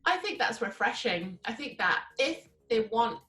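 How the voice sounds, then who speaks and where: A woman's voice: fairly high pitch, big pitch swings, measured pace, a bit bright, roomy sound, faint music behind. A woman hosting an interview, chatty and teasing, laughing often. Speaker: interview host. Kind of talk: casual interview chat.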